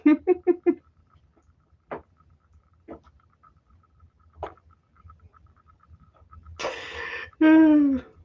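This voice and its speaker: Speaking very slowly with long pauses, a podcast host chats and jokes playfully with viewers on a casual livestream. Her voice sits high with fairly even intonation, and the stream audio is dull and lo-fi.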